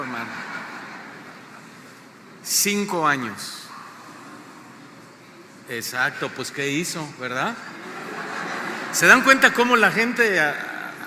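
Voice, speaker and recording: Bright-voiced Mexican pastor in echoey hall. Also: male voice, fairly high pitch, very animated. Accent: Mexican Spanish. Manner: slow deliberate emphasis, questions to the congregation. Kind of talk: sermon. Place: church hall. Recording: echoey hall, faint noise.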